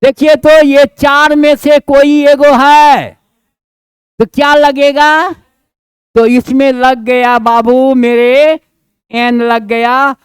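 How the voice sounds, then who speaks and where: Speaking slowly and in a level tone, this man has an extremely high-pitched voice and there's no room sound. He's a grammar teacher with a Bihari Hindi accent who runs his classroom lesson with homely, colloquial scolding and coaxing, drawing students in through questions and checks.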